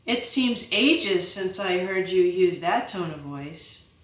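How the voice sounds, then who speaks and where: A woman's voice: lowish voice, animated, takes it slowly, a bit bright, far from the mic. Morris, a stubborn teasing monk, read by a woman. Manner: teasing, sympathetic. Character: stubborn, good-natured male monk friend. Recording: roomy, voice set back from the mic.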